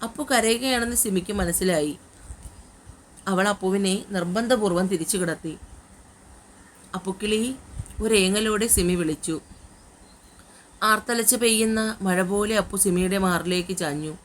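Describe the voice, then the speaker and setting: A woman narrating a romantic novel with an emotional, measured reading. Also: mid-range voice, a little hiss or hum. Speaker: audiobook narrator. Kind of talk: dramatic storybook narration.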